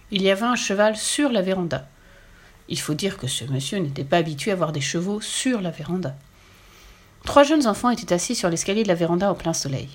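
Expressive woman reading a children's story. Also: mid-range voice. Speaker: narrator. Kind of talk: children's audiobook narration.

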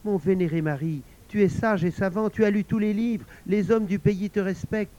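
A man voicing a sulky, sharp-tongued wife who whines and reproaches her husband. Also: high-pitched, normal speed, highs cut off, a little hiss or hum, pitched above the performer's own voice, close to an everyday voice. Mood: flattering. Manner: whining, reproachful, theatrical.

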